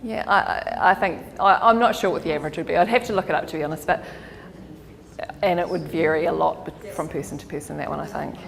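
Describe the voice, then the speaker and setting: Speaking low and fast with a gravelly voice, a career counsellor with a New Zealand accent leads a casual workshop for an audience in a meeting hall, often breaking into laughter. There's slight background noise and a long hall echo.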